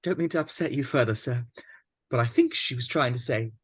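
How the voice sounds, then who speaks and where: A man's voice: medium pitch, a little fast, breathy edge, no room sound, clean studio sound, lightly acted. A man playing a nervous, polite captive in a script read, hesitant and deferential. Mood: nervously deferential. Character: nervous, polite, flustered young man held at gunpoint. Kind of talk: table read of a film script.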